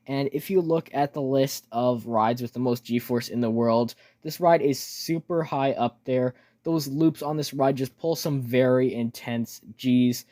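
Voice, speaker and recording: A man's voice: mid-range voice, darkish tone, no room sound, studio quality. A man narrating a casual, enthusiastic voice-over commentary about amusement park rides in an informal way.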